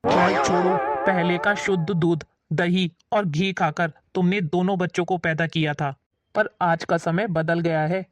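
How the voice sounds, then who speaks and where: A woman's voice: lowish voice, steady tone, a little slow, soft background music, lightly acted. A woman playing an older father-in-law who reasons patiently with his wife in a family drama. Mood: reasoning. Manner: patient, lecturing.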